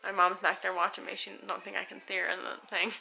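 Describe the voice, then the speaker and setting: A woman's voice: medium pitch, level tone, quick pace, creaky, bright, forceful tone, slight background noise. An American woman vlogger chats casually and candidly to camera, rambling a little, with a sore, swollen mouth after dental surgery. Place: at home.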